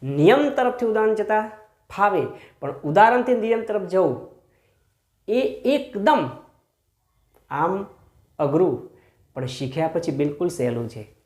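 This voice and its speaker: A man teaching a grammar lesson. He poses questions to the class, says example words slowly, and checks in with "hm?". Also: high voice, big pitch swings, a little mellow. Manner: asks the class rhetorical questions. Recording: echoey room.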